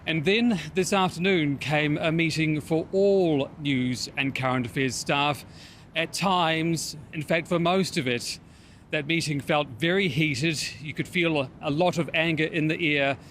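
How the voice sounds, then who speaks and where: A man's voice: on the high side, a bit bright, a little hiss or hum. A man with a New Zealand accent reporting the news as a broadcast reporter. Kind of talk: scripted news report and live cross.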